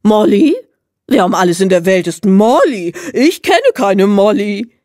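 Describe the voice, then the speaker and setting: A woman's voice: medium pitch, animated, darkish tone, no room sound, clean studio sound, lightly acted. Woman voicing a boastful, brusque hermit lady. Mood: offhand. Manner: rapid boastful chatter, brusque outbursts. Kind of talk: audiobook character voice.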